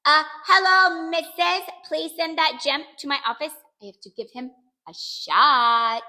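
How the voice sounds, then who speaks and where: A woman voicing a feisty, bossy kindergarten girl in a storybook reading, with loud, indignant outbursts. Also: sits high, steady tone, unhurried, voice pushed up, exaggerated voice. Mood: playful.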